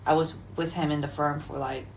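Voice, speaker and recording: A woman in her thirties co-hosts a podcast in easy casual chat, chatty and quick to laugh. Her voice sits a little low. A faint hum of room noise runs under the recording. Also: fairly even intonation, low-quality recording. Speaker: podcast co-host.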